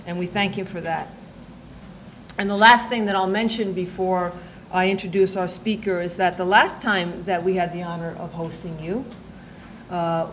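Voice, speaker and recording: A woman hosting an event, giving a semi-formal introduction with frequent pauses mid-phrase. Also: mid-range voice. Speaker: event host introducing a speaker. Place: indoor event, being filmed. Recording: faint background noise.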